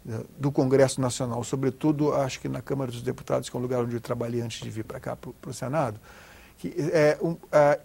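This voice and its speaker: A man's voice: mid-range voice, fairly even intonation, brisk, creaky, darkish tone, husky. A man interviewing a guest on television, asking long, rambling questions with stumbles.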